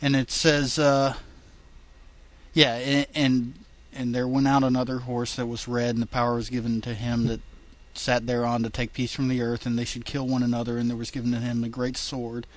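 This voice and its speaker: A man's voice: mid-range voice, completely flat delivery, fairly quick. A man co-hosting a casual podcast, reading long scripture passages aloud with stumbles and chatting between them. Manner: reads long passages with stumbles and laughs at the wording. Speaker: podcast co-host.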